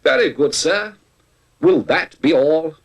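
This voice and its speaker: A man's voice: fairly high pitch, animated, takes it slowly, full character voice. A man voicing a polite, long-suffering male robot butler who talks in a formal, dry way and calls his master sir.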